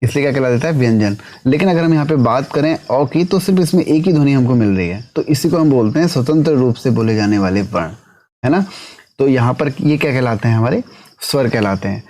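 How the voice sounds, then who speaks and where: A man's voice: medium pitch, lively intonation, a little fast, a little mellow. Man teaching an exam-prep lesson. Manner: asks the class questions and answers them himself; keeps adding tag question "है ना".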